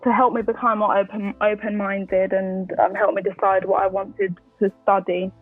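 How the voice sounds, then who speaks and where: A podcast guest in her twenties, Colombian-born and London-raised, talks casually in an interview over a tinny line, chatty with lots of fillers and restarts. She speaks at normal speed in a level, medium-pitched tone. There's no echo, just soft background music.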